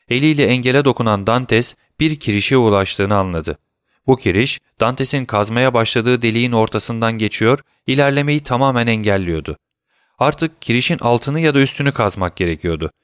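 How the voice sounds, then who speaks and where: A man reading a classic novel aloud as audiobook narration, in an even, measured manner. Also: medium pitch, no room sound, studio quality.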